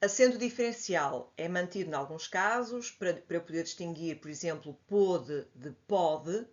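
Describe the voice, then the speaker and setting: Low-voiced Portuguese woman teaching grammar. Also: animated. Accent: European Portuguese. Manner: patient explaining, spells out examples slowly. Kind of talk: slide-based grammar lesson. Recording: dull lo-fi audio.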